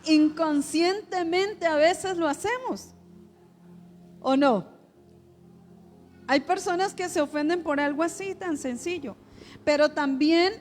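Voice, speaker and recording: A woman pastor, preaching a sermon in a conversational way, with rhetorical questions to the congregation. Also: high-pitched.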